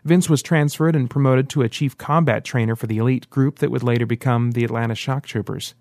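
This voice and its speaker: A man narrating an audiobook in steady, scripted storytelling. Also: medium pitch, brisk, dry recording, clean studio sound.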